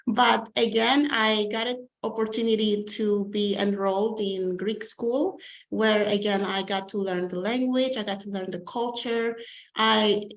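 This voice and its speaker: A woman speaks as a panel presenter in a polite, measured way, her voice sitting in a middle range. The sound is roomy and echoey, picked up over a video call. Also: medium pitch. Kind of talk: webinar presentation. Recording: roomy echo.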